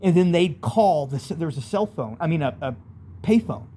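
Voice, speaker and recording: Husky and mellow, this fairly high male voice is expressive and runs at normal speed. He's a middle-aged American channel host telling his own stories in a loose, rambling, frank way, using street slang.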